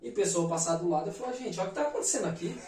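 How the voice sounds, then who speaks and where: A man's voice: high voice, racing, slight background noise. Brazilian man telling a story in a roomy space. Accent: Brazilian Portuguese. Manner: animated, emphatic, peppers speech with slang fillers. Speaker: podcast guest. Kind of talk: casual storytelling. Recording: roomy echo, mic at a distance.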